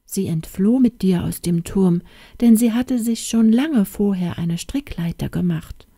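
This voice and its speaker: A woman voicing an old hen in a fairy tale reading, pleading at first and then confiding in a gossipy, sometimes hushed way. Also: mid-range voice, measured pace, slightly rough, dry recording, studio quality. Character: old hen, pleading then chatty nurse who tells secrets.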